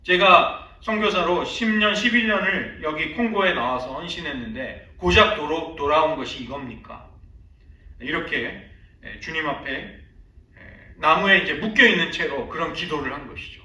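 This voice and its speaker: A man preaching a Sunday sermon with a high, bright, piercing voice. He tells a story and acts out the prayers in it with feeling. The sound comes from some distance in an echoey church sanctuary. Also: moderate pace. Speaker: pastor.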